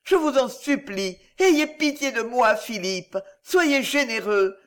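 A man's voice: very high-pitched, lively intonation, slow pace, fairly bright tone, voice pushed up, heavily acted. A man voicing a proud young wife who pleads with her husband in an impassioned, tearful way. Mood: pleading.

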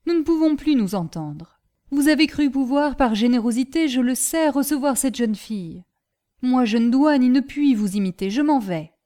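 A woman's voice: high voice, moderate pace, dark tone, pitched above the performer's own voice, lightly acted. A woman voicing an anguished young lieutenant. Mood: pleading. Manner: pleading, tearful, agitated.

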